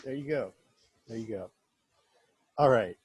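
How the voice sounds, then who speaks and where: A man hosting an interview, friendly and quizzing his guest with quick either-or questions. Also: mid-range voice, a little mellow, breathy edge, no room sound. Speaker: interview host. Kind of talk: casual interview chat.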